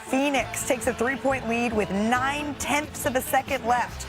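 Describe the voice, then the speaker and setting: Woman host running thru hoops highlights, fairly high voice, music bed under her, brisk and upbeat. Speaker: studio host. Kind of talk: sports highlight show hosting.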